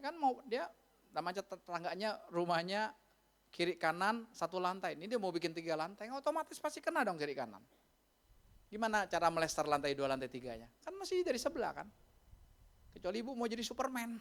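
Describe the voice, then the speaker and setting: A man's voice: high voice, fairly quick. A male pastor preaching a sermon, telling stories playfully and acting out the people in them. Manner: animated, playful storytelling with voiced impressions.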